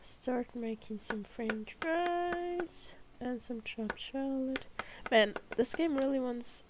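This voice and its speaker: A woman with a slightly high, sick-sounding voice talks her way through a video game. She drawls slowly and mocks herself, then drops into soft, near-whispered asides. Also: noisy background. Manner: chatty, self-mocking, drifting into near-whisper asides. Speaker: gameplay streamer. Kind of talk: casual gameplay commentary.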